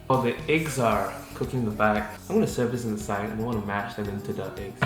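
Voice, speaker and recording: Male home vlogger, casual and slightly halting, roomy kitchen sound with music underneath. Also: fairly low pitch. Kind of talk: casual cooking and recovery vlog. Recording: echoey room with music behind.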